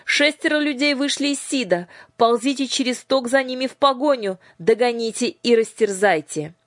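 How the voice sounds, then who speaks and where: A woman reading aloud who voices a stern, commanding headmistress shouting orders in a much higher, louder voice. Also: moderate pace, no echo, studio quality, lightly acted. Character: stern imperious headmistress, middle-aged woman.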